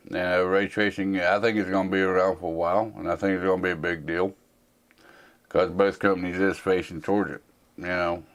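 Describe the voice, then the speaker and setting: A man in his forties with a notably deep, low voice. He chats casually through viewer questions in a rambling, folksy, plain-spoken manner, full of "um" and "you know.". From United States. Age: 40s. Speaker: host answering viewer questions. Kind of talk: casual Q&A chat.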